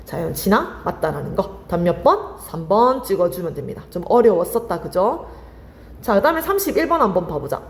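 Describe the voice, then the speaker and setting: A woman's voice: medium pitch, very animated, fairly quick, big-room sound. A woman teaching Korean literature for exam prep, firing questions at her students and answering them herself. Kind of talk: lively exam-prep lecture.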